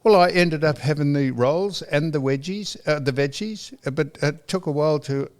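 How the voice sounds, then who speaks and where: This Australian podcast co-host talks at normal speed in a voice on the high side. His casual storytelling meanders, broken up by stammers, restarts and repeated lines.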